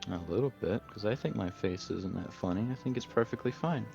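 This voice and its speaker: A man's voice: fairly low pitch, fairly quick, vocal fry, mellow, highs cut off, faint music behind. A man playing a tabletop role-playing game, talking in an easygoing, thoughtful way. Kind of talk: casual role-play as a player.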